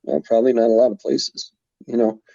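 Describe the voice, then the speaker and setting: A man's voice: medium pitch, little pitch movement, fairly quick, warm tone, no echo. A man in his forties, a podcast guest in casual conversation, talking reflectively with many restarts and fillers. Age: 40s. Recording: slightly dull podcast audio.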